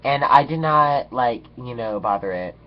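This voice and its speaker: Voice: mid-range voice, lively intonation, measured pace, muffled recording. A vlogger telling a story in a sassy, dramatic way, swearing freely and tossing in "okay" between lines. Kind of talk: casual storytelling rant.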